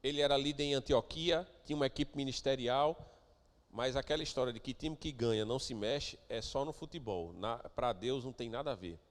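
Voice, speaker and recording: A man preaching a sermon as pastor of a church, moving between quiet asides and loud, emphatic declarations. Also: mid-range voice, a little fast, in a large hall. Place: church sanctuary.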